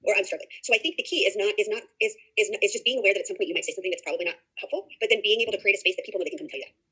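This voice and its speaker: A woman in her thirties lectures future teachers in a loose, conversational way, looping back and restarting as she tells stories. Her voice is slightly husky and she talks very fast, piling one thought onto the next. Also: mid-range voice, sharp tone, rough recording. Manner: fast, chatty storytelling with many restarts. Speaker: teacher educator. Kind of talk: casual classroom lecture.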